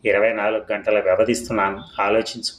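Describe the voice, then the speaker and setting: A man voicing a mysterious boss who gives curt commands, in a low, echoing reading voice. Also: flat delivery, a little fast, fairly bright tone, close to an everyday voice. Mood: commanding. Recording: echoey room.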